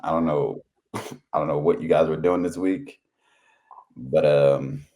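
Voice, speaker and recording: Deep mellow dark voiced guy talking casually about sports on a podcast. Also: fairly even intonation, unhurried. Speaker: podcast co-host.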